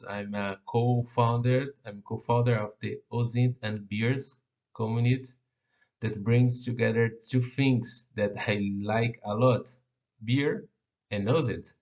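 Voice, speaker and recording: A Brazilian man gives a conference presentation in slow, halting non-native English, with a Brazilian Portuguese accent, fillers and restarts. His voice is gravelly, medium-pitched, steady and a little mellow, and the recording's highs are cut off.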